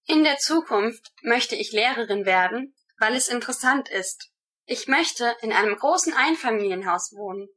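A woman works through prepared speaking-exam answers in a steady, measured recital. Her voice sits a touch high and sounds bright and clear. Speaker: student answering exam questions.

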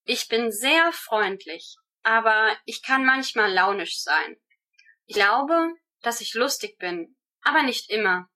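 A woman works through prepared speaking-exam answers in a steady, measured recital. Her voice sits a touch high and sounds bright and clear. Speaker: student answering exam questions.

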